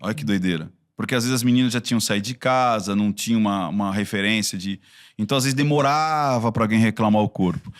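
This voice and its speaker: A Brazilian man with a Brazilian Portuguese accent, a body-language expert, talks on a casual podcast. His voice is on the low side and he speaks fast, telling stories animatedly with frequent restarts.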